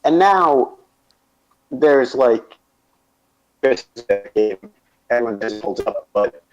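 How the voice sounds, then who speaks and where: A man chatting on a gaming podcast, stopping and restarting often and filling gaps with "um" and "uh". His voice sits at an ordinary pitch. The audio is dull and lo-fi. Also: animated, faint music behind. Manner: halting, many fillers and restarts. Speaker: podcast co-host. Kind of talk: casual gaming chat.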